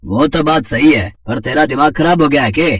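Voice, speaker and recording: A man's voice: on the high side, normal speed, fairly bright tone, breathy edge, distant mic. A man voicing a brusque village police inspector who talks bluntly. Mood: dismissive.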